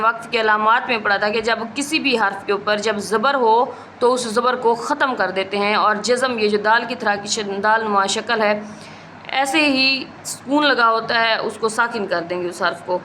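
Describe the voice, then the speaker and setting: उजली आवाज़ वाली शिक्षिका, धीरे-धीरे नियम समझाती हुई. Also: female voice, a little high, moderate pace, sharp tone, a little hiss or hum. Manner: methodical, repeats each rule. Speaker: Quran recitation teacher. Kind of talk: step-by-step recitation rules lesson.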